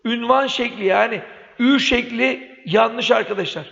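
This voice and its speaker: A man's voice: extremely high pitch, unhurried, vocal fry, fairly bright tone. A man teaching a spelling lesson for exam prep, contrasting wrong and right spellings and calling his students dear friends. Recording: dull lo-fi sound, long reverb.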